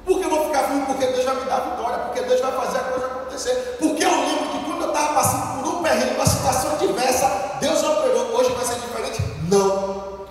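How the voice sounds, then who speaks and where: A man's voice: very high voice, fast talker, faint music behind. A man with a Brazilian Portuguese accent preaching a fervent sermon in a church and leading the congregation in call-and-response. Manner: fervent, leads call-and-response, bursts into shouts. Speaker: pastor. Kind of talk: lively sermon. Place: church hall. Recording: echoey hall, voice from far off.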